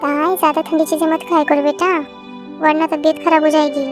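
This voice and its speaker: Woman doing a caring dad, gentle and concerned, very high voice, amateur fan dub. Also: level tone, a little fast, music in the background, natural voice. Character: caring older father.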